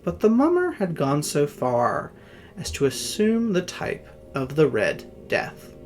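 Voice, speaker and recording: A man reads a Gothic horror story as a theatrical narrator over music. His pitch moves freely, and his measured phrases swell loud and then sink low. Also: huge pitch swings. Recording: music under the voice.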